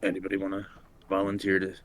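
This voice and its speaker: A man's voice: low voice, completely flat delivery, fast, a little hiss or hum. A man talking casually as a player in a tabletop role-playing game.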